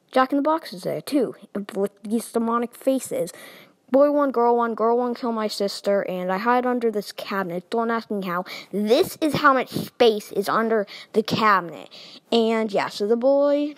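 Chatty, animated woman telling a story. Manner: animated, sudden jumps in pitch and loudness; chatty, playful asides. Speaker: storytime video maker. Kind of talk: casual storytime narration.

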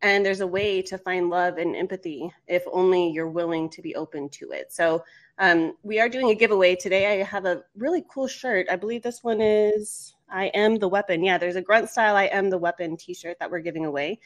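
A woman's voice: fairly low pitch, fairly quick. A woman in her thirties casually introducing a podcast as its host. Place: home studio room, on a video call.

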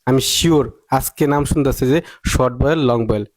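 A man's voice: mid-range voice, brisk, dry recording. A man teaching an English reading lesson, emphatic, often repeating points and asking rhetorical questions.

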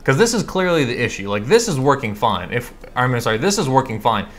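A man from California hosting a casual live coding stream, chatting and thinking aloud, reading code out slowly with lots of fillers and self-corrections. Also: mid-range voice, very animated, fairly bright tone, soft background music. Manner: reads code aloud slowly while typing. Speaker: livestream host answering coding questions.

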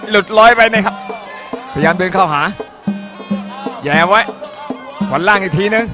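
Over music and crowd noise, a high-voiced man commentates a Muay Thai bout from ringside at a moderate pace. He fires off brief, punchy lines and repeats them often.

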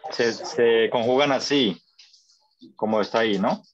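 Over a video call, a man with a medium-pitched voice teaches a Spanish class at an unhurried pace, patient and encouraging, often checking that his students are following. The call audio is dull and lo-fi, with a noisy background.

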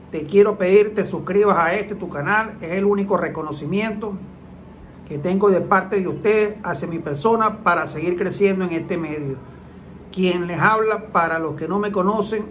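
A man's voice: high voice, slight background noise, poor audio. A man, a transmission mechanic, hosting his channel and explaining engine faults to viewers in plain, repetitive casual talk. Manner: repetitive, plain-spoken, acts out engine sounds.

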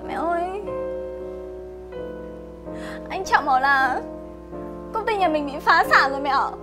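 Actress playing a distressed young daughter-in-law. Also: female voice, high-pitched, brisk, over music, close to an everyday voice. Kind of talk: web drama acting.

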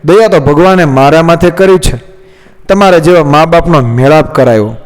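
A man's voice: fairly high pitch, moderate pace, lightly acted. A man voicing a humble young male thief who speaks in a choked-up, pleading way, in a storybook reading. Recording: long hall reverb.

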